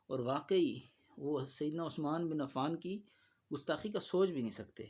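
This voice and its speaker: A man giving spoken commentary on a religious dispute in a measured, admonishing tone. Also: medium pitch, a bit bright.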